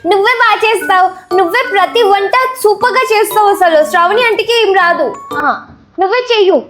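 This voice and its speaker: A teary little schoolgirl whines and pleads in a very high, drawn-out voice, played by a woman in a comedy skit. Her lines come slow and stretched. Music plays underneath throughout. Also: fairly bright tone. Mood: bossy. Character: whiny little schoolgirl daughter, easily teary. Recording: background music.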